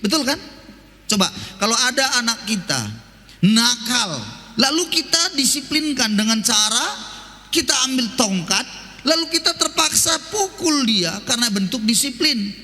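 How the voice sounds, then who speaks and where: A man preaching a sermon as pastor, telling stories in a lively, colloquial way with rhetorical questions. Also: very high-pitched, unhurried, big-room sound.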